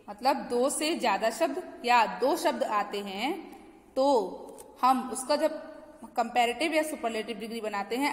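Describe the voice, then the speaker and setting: A woman teacher with an Indian accent gives a grammar lesson to children. She asks questions, answers them herself, and spells words out letter by letter. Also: a little high. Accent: Indian English. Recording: echoey room with long reverb.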